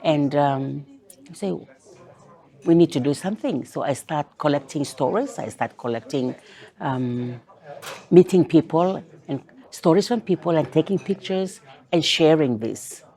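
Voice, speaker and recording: An older woman from Kiribati who grew up in Fiji, speaking as an interview guest about her activism, thoughtful and pausing often to restart her sentences. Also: low-pitched, dark tone. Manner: thoughtful, with many pauses and restarts. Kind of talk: conversational interview.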